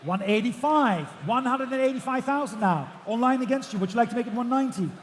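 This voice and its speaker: A man working as an auctioneer, calling bids in rhythmic, repetitive number patter, projecting loudly to a room. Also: very high voice, quick pace. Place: large auction room with bidders. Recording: echoey auction hall, faint background noise.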